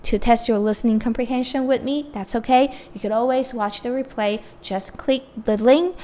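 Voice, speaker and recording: A Chinese teacher who also hosts a podcast gives a casual language lesson in a slightly high, mellow voice. Her first language is Mandarin Chinese, and she moves between English explanations and slowly modeled Chinese phrases.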